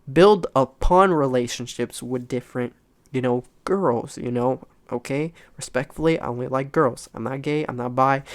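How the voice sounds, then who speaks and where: A man's voice: mid-range voice, smooth. A young man in his late teens talking bluntly and frankly in a rambling, unscripted personal vlog. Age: young adult. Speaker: content creator.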